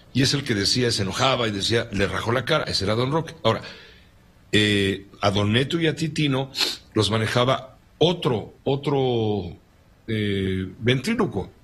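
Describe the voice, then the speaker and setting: A man's voice: medium pitch, a bit bright, husky. A man with a Mexican accent hosting a radio news show, chatting casually, joking and reading out listener messages.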